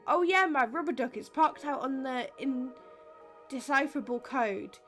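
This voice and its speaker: A woman's voice: high voice, expressive, moderate pace, a bit bright, soft background music. A woman voicing a chummy game character, a diner man who speaks in rhyming slang. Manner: swaps words for rhyming slang.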